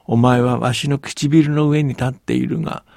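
A man doing a booming ancient north giant, gravelly. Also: fairly even intonation, no echo, studio quality, close to an everyday voice. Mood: kindly, grave. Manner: drawn-out blowing breaths, loud commanding voice.

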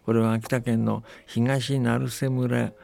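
A man on a radio show, chatting casually and then narrating a folktale in a gentle, unhurried way. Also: mid-range voice, flat delivery, creaky. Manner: gentle, unhurried conversational telling.

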